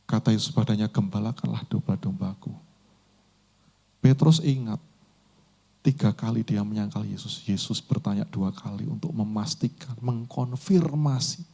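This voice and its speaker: Gravelly husky male preacher. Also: on the low side, moderate pace. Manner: animated storytelling, addressing the congregation directly. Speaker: pastor. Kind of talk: sermon.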